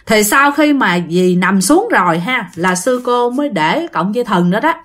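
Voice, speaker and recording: A woman's voice: mid-range voice, animated, moderate pace, fairly bright tone. A woman telling a ghost story in a chatty way, speaking straight to her listeners. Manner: chatty, addresses listeners directly.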